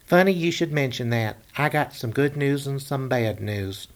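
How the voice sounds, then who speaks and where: A reluctant, jittery royal hunter from a comic fairy tale, put on by a male storyteller. His voice jumps up high and comes out loud and strained. A gravelly edge stays under it. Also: normal speed, natural voice. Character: reluctant royal hunter, grown man, nervous.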